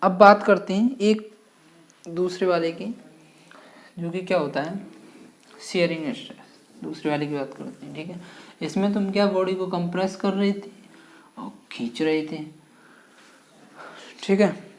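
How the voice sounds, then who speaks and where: A woman. She repeats each key term several times and keeps asking quick questions to check along. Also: fairly low pitch, slight background noise. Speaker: physics teacher. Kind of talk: classroom-style physics lesson.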